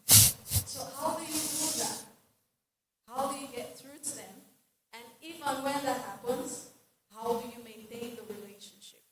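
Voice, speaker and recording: A woman's voice: sits high, unhurried, a bit bright. A woman from the audience politely asking the speaker a question. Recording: very echoey room.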